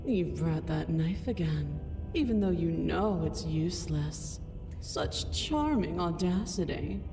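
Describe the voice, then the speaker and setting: A woman voicing a towering, imperious princess who speaks in a booming, magically amplified voice, slow, grand and condescending. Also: lively intonation, exaggerated voice. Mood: commanding. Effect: booming, magically amplified voice with long reverb. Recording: long reverb over game music.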